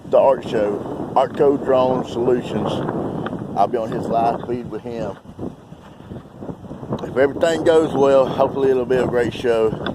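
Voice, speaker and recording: A man vlogging outdoors by a lake, chatting and talking excitedly to his drone. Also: mid-range voice. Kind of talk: casual outdoor vlog. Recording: outdoor wind noise on mic.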